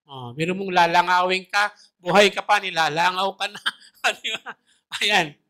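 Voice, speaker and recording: A woman preacher giving a chatty, animated sermon in a church, asking her listeners questions as she goes. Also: fairly low pitch, normal speed.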